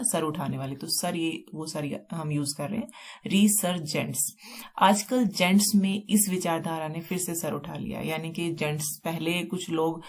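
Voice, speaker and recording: A woman with an Indian accent, teaching a vocabulary lesson and going over each word slowly with memory tricks. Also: low-pitched, a little mellow. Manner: explains slowly, repeating words with memory tricks.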